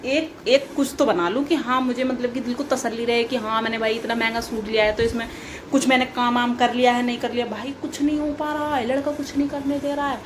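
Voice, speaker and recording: Young woman vlogger, chatty, repetitive, playful complaints, fairly high voice, at home, camera on tripod. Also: fairly even intonation, quick pace, noisy background. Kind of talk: casual vlog chat. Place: at home by open balcony doors.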